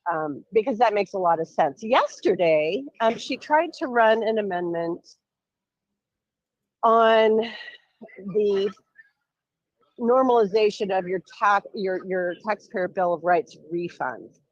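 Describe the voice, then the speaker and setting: A woman state legislator calling in over the phone to a radio talk show, explaining events in a brisk, wry and sarcastic way. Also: mid-range voice, lively intonation, no room sound. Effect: heard over the phone. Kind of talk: radio call-in interview. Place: travelling while calling in. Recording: dull phone-line sound, dry.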